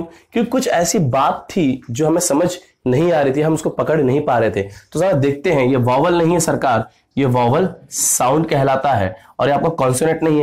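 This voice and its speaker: A male teacher giving an exam-prep grammar lesson, lively, asking questions and answering them himself, calling his students "sarkar". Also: a little high. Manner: acts out classroom anecdotes.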